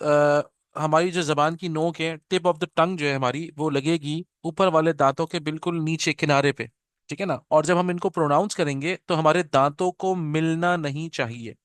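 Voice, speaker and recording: A man's voice: on the high side, a bit bright, dry recording, clean studio sound. A man teaching Quran pronunciation in an online class, patiently explaining and repeating "theek hai na", slipping into English phrases and drawing out letter sounds to demonstrate them. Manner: mixes English phrases into Hindi-Urdu.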